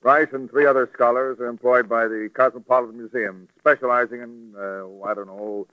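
An actor playing a blunt, stubborn police commissioner in a 1940s radio drama, emphatic and matter-of-fact. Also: male voice, medium pitch, fairly even intonation, brisk, no room sound, muffled recording, natural voice. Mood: brusque. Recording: dry vintage radio recording.

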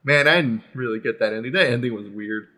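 A man's voice: medium pitch, fast, bright, forceful tone. Easygoing chuckling podcast co-host, man. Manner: easygoing, chuckling, drifts between topics. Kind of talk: casual chat.

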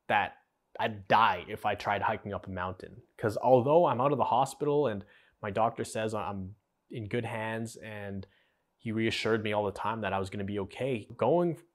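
A young man hosting a podcast, telling his own story in an earnest, conversational way and acting out the dialogue. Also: lowish voice. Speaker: podcast host. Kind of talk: personal storytelling.

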